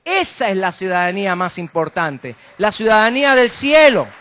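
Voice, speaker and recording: Speaking at a moderate pace in a high, fairly bright and very animated voice, a guest preacher from Argentina gives a chatty sermon sprinkled with jokes. He talks colloquially with an Argentine accent and frequently tags his points with rhetorical questions.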